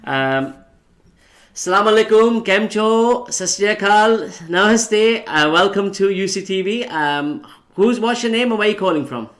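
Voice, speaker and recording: A man's voice: high-pitched, expressive, a bit bright. Friendly male podcast host. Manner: friendly, halting, many fillers and restarts. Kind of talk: casual chat.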